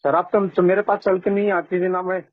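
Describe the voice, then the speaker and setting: A man tells his recovery story in an earnest, conversational way, often turning to the listeners as friends. His voice sits high and a little husky. The sound is dry and tinny, like a phone call. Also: flat delivery, brisk, no room sound. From India. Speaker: AA member sharing his story. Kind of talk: personal recovery testimony. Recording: tinny phone-line audio.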